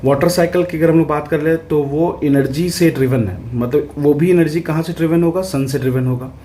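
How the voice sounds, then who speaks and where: A man, an exam prep tutor, explaining answers in a casual lesson, checking in often and reading questions out slowly. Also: fairly high pitch, dark tone, a little hiss or hum. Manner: conversational, repeats "ठीक है" to check in, reads English questions out slowly.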